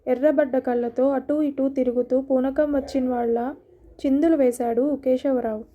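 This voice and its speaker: A woman narrating a story in a steady, expressive storybook manner. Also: high-pitched, moderate pace, highs cut off, slight background noise.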